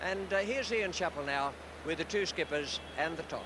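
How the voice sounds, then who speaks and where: A man's voice: a little high, normal speed. A man presenting and commentating on live cricket for a broadcast. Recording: very noisy outdoor stadium broadcast.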